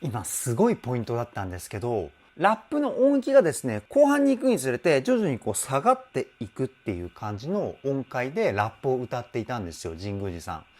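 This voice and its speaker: A male vocal coach breaks down a song's vocals, his pitch swooping wildly from low to high as he explains. He is enthusiastic and exclaims often, then turns polite and apologetic in quick asides. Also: huge pitch swings, darkish tone, a little hiss or hum. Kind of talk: song reaction and vocal analysis.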